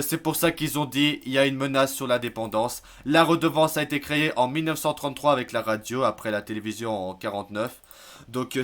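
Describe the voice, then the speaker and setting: A man giving casual spoken commentary on news articles, hesitant, filling pauses and restarting his sentences. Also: medium pitch, fairly bright tone. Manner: hesitant, many fillers and restarts, admits stumbling over words. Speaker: YouTube news vlogger.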